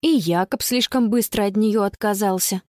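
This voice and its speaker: A woman narrating a children's audiobook with expressive storytelling. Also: mid-range voice, moderate pace, no echo, clean studio sound. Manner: expressive storytelling, bright voice for the girl. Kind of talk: scripted narration.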